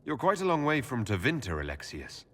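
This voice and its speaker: A man's voice: medium pitch, huge pitch swings, brisk, a bit bright, breathy edge, exaggerated voice. An actor playing a wary, direct young envoy, firm and diplomatic in his questioning. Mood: guarded. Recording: long hall reverb.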